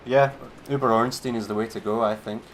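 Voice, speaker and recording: A man's voice: mid-range voice, steady tone, fairly quick, slight background noise. A man streaming a game, giving laid-back, chatty commentary with a wry edge. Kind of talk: casual gameplay commentary.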